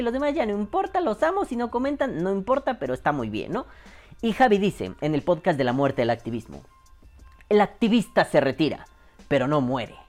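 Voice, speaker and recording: Animated, foul-mouthed Mexican man hosting a podcast. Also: high-pitched. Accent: Mexican Spanish. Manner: joking, profane, animated. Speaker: podcast host. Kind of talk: casual podcast chat reading listener comments. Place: home room.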